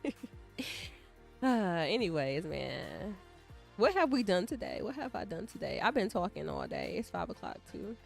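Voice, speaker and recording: A woman streaming her coding session talks in a loose, rambling way, candid and expressive as she speaks straight to her audience. Her voice sits a bit on the lower side. Soft music plays faintly behind her. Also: normal speed, vocal fry. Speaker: live-streaming coder. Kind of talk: casual rambling stream chat. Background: soft background music.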